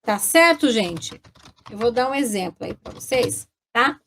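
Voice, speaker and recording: A woman teaching French in a casual video lesson, chatting along and checking in with listeners after almost every phrase, slowing down to pronounce French words. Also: on the high side, expressive, a bit bright, a little hiss or hum. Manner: chatty, checks in constantly with tag questions.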